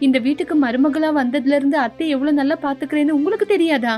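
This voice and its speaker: Brief: woman playing a young daughter-in-law, earnest and pleading, high voice, cartoon story. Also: fast talker, a little mellow, soft background music, close to an everyday voice. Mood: hurt. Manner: pleading, reasoning. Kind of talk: storybook voice acting.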